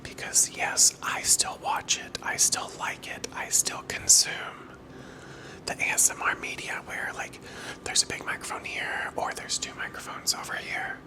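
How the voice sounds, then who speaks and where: An ASMR creator whispers very close to a wireless microphone in a casual, rambling and candid vlog chat, breathy and occasionally soft-spoken. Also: a little slow, low-quality recording. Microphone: clip-on wireless microphone, held close.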